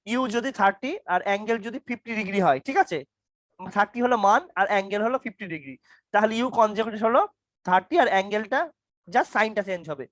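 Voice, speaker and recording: A man's voice: high voice, fairly bright tone, no echo. A young man teaching an online university lecture over a video call. He stammers, repeats his questions and quizzes his students. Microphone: computer mic on a video call.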